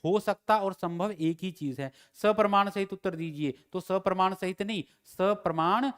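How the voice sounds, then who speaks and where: High, clear-voiced Hindi grammar teacher. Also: male voice, fairly bright tone. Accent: Himachali Hindi. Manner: repeats each example sentence slowly, then gives the corrected version. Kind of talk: exam-prep grammar lecture.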